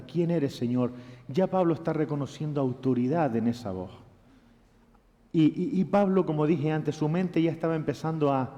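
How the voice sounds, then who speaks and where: Male preacher, slow deliberate delivery, emphatic repetition, church hall reverb. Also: mid-range voice, a little mellow, muffled recording. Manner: emphatic, repeats key phrases, tags with rhetorical questions. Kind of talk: sermon. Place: church sanctuary.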